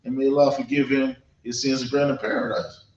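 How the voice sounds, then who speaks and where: This U.S. preacher has a mid-range, slightly mellow voice and fairly even intonation, heard distantly in an echoey, dull room. His informal public sermon is halting and repetitive, with a conversational tone and frequent check-ins.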